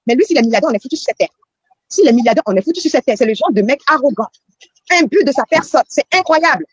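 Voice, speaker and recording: Une femme invitée qui raconte une arnaque, par téléphone, d'une voix rapide, hésitante, pleine de reprises et d'hésitations. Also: female voice, high-pitched, expressive, husky, no room sound. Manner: rapid, halting, with many restarts and fillers. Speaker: guest recounting being scammed. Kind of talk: emotional storytelling on a call. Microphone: phone call. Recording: muffled phone-quality call.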